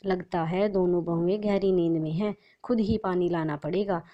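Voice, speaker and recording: A woman's voice: on the low side, fairly even intonation, normal speed, dull audio, natural voice. A woman voicing a blind elderly mother-in-law who calls out plaintively in a storybook narration. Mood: puzzled, calling. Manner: calling out loudly, plaintive.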